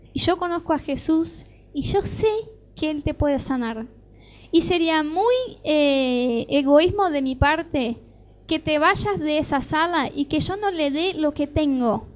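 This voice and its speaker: A middle-aged woman preaching with a clear Argentine Rioplatense accent, her voice sitting high. She tells a personal testimony in a lively way and acts out each exchange of dialogue. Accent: Argentine Rioplatense Spanish. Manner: animated storytelling, acting out dialogue.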